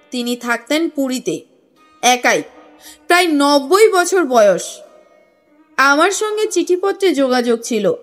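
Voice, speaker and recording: In an audio story, a woman voices an earnest, courteous businessman recounting his family history, reading in a formal, measured, explanatory way. Her voice sits high with a fairly bright tone, and music plays under it.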